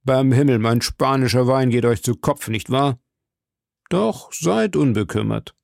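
A man's voice: medium pitch, a little slow, gravelly, darkish tone, no echo, studio quality. A man voicing a scornful, mocking English nobleman in an audiobook, with a sneering manner. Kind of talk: audiobook character voice.

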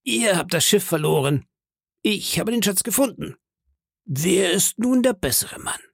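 A cunning older pirate chief snarls and mocks his men in a raised, gravelly voice, as a male reader puts him on. The sound is dry and close, with no room around it. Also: sits high, expressive, a little slow, dry recording, voice pushed up, full character voice. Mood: threatening. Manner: scornful, threatening.

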